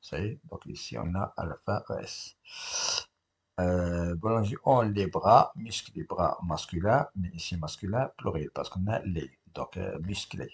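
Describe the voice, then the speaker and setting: A man teaching, slowly correcting a French grammar and spelling test, repeating words and spelling out letters. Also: low-pitched, slightly rough. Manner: slow, repetitive classroom explaining, spelling out letters.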